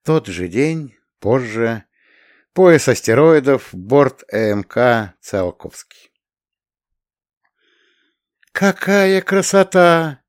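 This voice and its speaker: A man narrating a science-fiction audiobook in a measured, steady voice. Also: mid-range voice, no room sound, studio quality.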